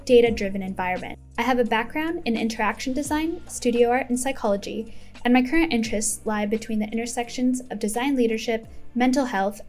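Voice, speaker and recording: A woman speaks as a conversational podcast host. Her voice sits a bit high, and faint music plays behind her. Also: darkish tone. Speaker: podcast host and user experience designer.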